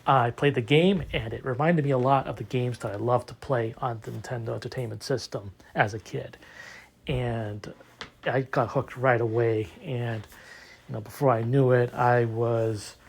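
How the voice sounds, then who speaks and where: A man speaking earnestly in a casual monologue, halting often with filler words. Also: mid-range voice, darkish tone, breathy edge. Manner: earnest, halting with ums and uhs. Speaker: community member.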